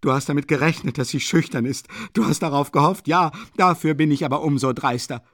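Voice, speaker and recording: A male audiobook reader voicing a frantic, hysterical impoverished woman who screams accusations in a high, strained falsetto. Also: flat delivery, normal speed, dark tone, no echo, studio quality, close to an everyday voice. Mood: hysterical fury.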